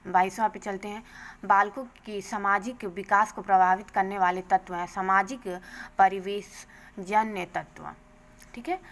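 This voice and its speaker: A woman teacher going briskly through exam questions and their answers, adding a quick "okay" after each answer. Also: medium pitch, fairly bright tone, slight background noise, low-quality recording. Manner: brisk, adds "theek hai" after answers.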